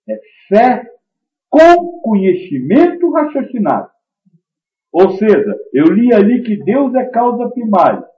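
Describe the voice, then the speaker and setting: A man giving a spiritist teaching talk, emphatic and swinging between loud stresses and quiet asides. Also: high-pitched. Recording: dull lo-fi recording.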